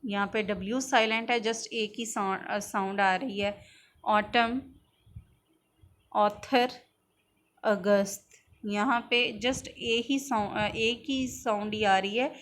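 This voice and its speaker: A woman teaching a phonics lesson, slowly sounding out letters and words one by one. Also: medium pitch, fairly even intonation, fairly bright tone.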